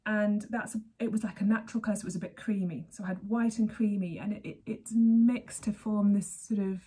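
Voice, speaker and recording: Chatting to a camera at desk distance in her sunny living room, a Berkshire woman in her thirties hosts her knitting podcast, rambling and laughing often. She speaks a little fast at medium pitch with fairly even intonation, her voice mellow and husky.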